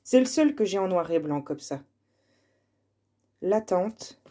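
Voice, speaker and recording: A slightly hoarse woman presenting her oracle card decks, reading card names and texts aloud in a soft, unhurried way. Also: lowish voice, animated. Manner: slow and soft-spoken, reads card titles aloud. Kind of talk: casual show-and-tell with card readings.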